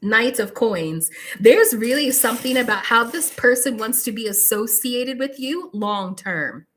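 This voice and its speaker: Fairly high-voiced woman reading tarot live. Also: animated, unhurried. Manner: speaks straight to the viewer, many "like" fillers; firm, warning advice. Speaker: tarot reader.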